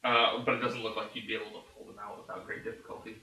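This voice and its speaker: Bright-voiced man running a tabletop game. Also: on the low side, level tone, racing. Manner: describes scenes with frequent chuckles and asides. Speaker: game master. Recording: roomy, distant mic with faint hiss.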